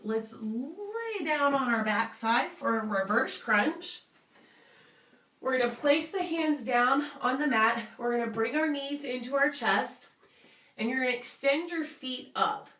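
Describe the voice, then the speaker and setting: Casting: female fitness instructor, unhurried and encouraging, cueing exercises informally in a roomy space, miked from a distance. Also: on the high side, a bit bright. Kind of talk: guided workout instruction.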